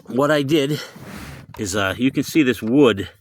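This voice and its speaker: In an unhurried, medium-pitched voice, an older or middle-aged man from the US demonstrates his CB radio inside his pickup truck. It's a casual, meandering vlog in which he keeps repeating himself, and a slight hiss or hum runs under the audio.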